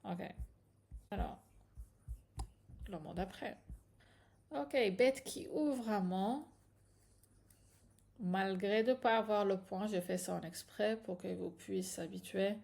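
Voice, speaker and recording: A woman who teaches a reading lesson step by step, patiently checking in with her students as she goes. She speaks slowly and unhurriedly. Her voice has a gravelly, fry-tinged texture at a medium pitch. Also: a little mellow. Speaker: Hebrew teacher.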